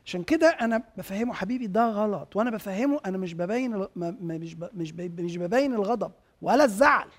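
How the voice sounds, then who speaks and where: A man with an Egyptian Arabic accent explains parenting ideas in a conversational teaching talk. He speaks quickly at an ordinary pitch. He keeps checking that his listeners are following along. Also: expressive.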